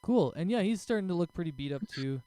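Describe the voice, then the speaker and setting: A man's voice: high-pitched, lively intonation, fast, mellow, no echo. A man acting as game master, casually narrating a tabletop role-playing game.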